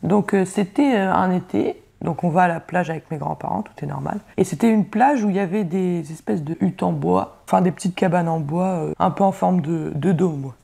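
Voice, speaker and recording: A man telling a personal anecdote in a flat, matter-of-fact way, with many fillers. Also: high voice, normal speed, creaky, few pauses. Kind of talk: casual storytelling.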